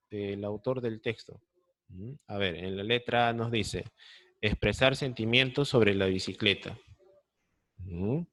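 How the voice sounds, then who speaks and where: Patient Peruvian male teacher, low voice. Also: a bit bright, no echo. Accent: Peruvian Spanish. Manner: patient, explaining step by step with frequent check-ins. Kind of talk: online class lesson. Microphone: video call.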